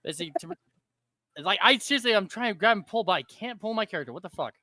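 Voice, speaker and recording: A high, lively man jumps into the tabletop game with excited, swearing asides. His voice is bright and sharp, and it sounds close and dry with no room around it. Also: rapid-fire, no room sound. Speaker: player.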